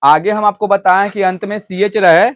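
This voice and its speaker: High-voiced man teaching a grammar class. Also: steady tone, normal speed. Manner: explains step by step, often asks students if they understood; switches between loud stressed points and quiet asides to the class. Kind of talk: classroom English grammar lesson. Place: classroom with students.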